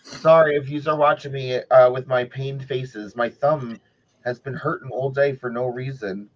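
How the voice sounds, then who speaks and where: A man co-hosting a casual live-stream chat, relaxed and easygoing. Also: mid-range voice, normal speed, highs cut off.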